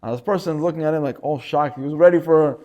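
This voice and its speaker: A man teaching an informal Torah class in a synagogue, animated and often repeating words as he acts out stories. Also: on the high side, fast talker.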